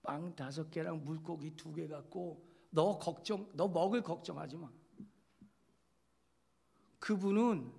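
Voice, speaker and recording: A man's voice: fairly high pitch, unhurried, gravelly, pauses often, mellow, husky. A male pastor giving a chatty, joking sermon, speaking straight to his listeners and acting out little quoted scenes.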